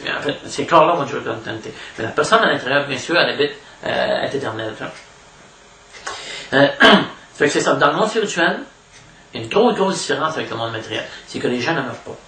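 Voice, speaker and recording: A devotional preacher with a Québécois French accent gives an informal spiritual talk, hesitating, repeating words, and tacking on small question tags. His mid-range voice is gravelly, pushed, and bright, with lively intonation. The recording sounds echoey, with the mic set far off and a bit of faint noise.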